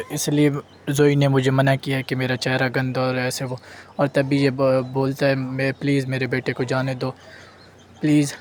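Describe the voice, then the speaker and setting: A man narrating a story recap in a loose, slangy, rambling manner. His pitch barely moves and stays level throughout. He reads out the characters' dialogue in the same plain voice, with a faint hiss in the background.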